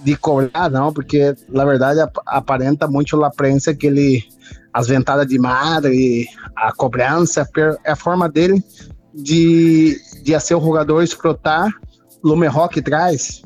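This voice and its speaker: An interview guest from Brazil, a native Portuguese speaker, shares casual memories while mixing Spanish and Portuguese. His slightly high voice stays steady and unhurried. Music sits behind the dull, low-fidelity audio.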